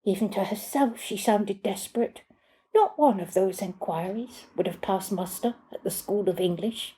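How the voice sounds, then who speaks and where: A woman in her sixties, an author, reading her own short story aloud in a measured, deliberate way. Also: medium pitch, mellow. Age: 60s.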